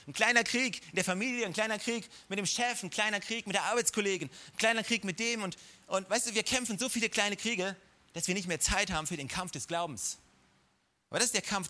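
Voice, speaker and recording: A man's voice: sits high, pushed and bright. A man preaching a sermon, speaking straight to the listener with encouragement and humorous asides. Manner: direct, encouraging address to the listener. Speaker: pastor.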